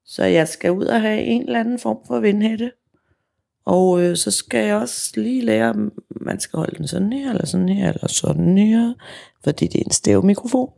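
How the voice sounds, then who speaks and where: A woman's voice: mid-range voice, gravelly, mellow. A woman in her forties hosting her own podcast, talking candidly and reflecting on herself. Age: 40s. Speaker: podcast host. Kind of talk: personal podcast narration.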